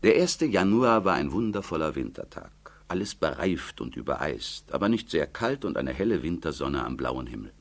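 Deep gravelly male narrator. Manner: measured, expressive reading. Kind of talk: audiobook narration.

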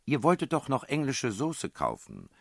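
A man's voice: mid-range voice, huge pitch swings, vocal fry, slightly rough, no echo, studio quality, pitched above the performer's own voice, heavily acted. A man reading aloud, voicing a bossy, teasing young woman known as the Princess in a storybook reading. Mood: brisk. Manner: brisk, commanding, teasing.

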